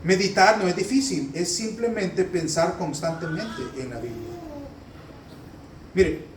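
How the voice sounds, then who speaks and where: Male pastor, high voice, quick and chatty sermon delivery with loud emphatic peaks, roomy church sound heard from a distance. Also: animated, a little hiss or hum. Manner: fast-talking, humorous, conversational preaching. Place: church sanctuary. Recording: echoey hall, heard from a distance.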